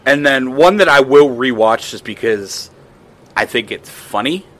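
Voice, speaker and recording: A man's voice: mid-range voice, expressive, measured pace, fairly bright tone, rough recording. A man in a casual podcast chat, talking bluntly and swearing freely.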